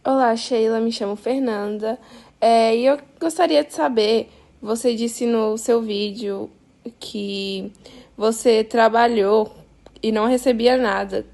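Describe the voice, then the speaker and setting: A woman's voice: on the high side, slow, darkish tone, faint music behind. A woman student asking a careful, somewhat hesitant question. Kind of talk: recorded question.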